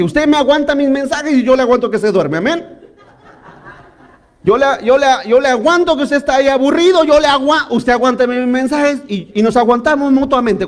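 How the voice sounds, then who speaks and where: Man, very high voice, sermon, animated, addresses congregation. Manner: animated preaching with frequent audience prompts. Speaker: preacher.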